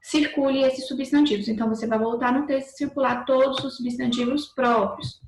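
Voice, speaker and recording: A woman's voice: sits high, fairly even intonation, a little fast, echoey room, a little hiss or hum, rough recording. A woman teacher with a Brazilian Portuguese accent giving a recorded class to children, patient and explaining step by step, often rephrasing. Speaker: schoolteacher.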